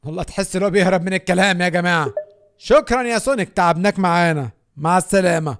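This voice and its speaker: A young Egyptian man with an Egyptian Arabic accent, joking and animated as a gaming YouTuber. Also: high voice, very fast, soft background music. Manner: joking, animated, laughs often. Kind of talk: playful gaming commentary.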